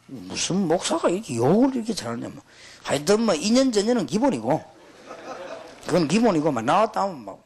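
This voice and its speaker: A man's voice: high-pitched, creaky, slightly rough. A middle-aged man, preaching to pastors in an emphatic, storytelling way. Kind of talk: sermon to pastors.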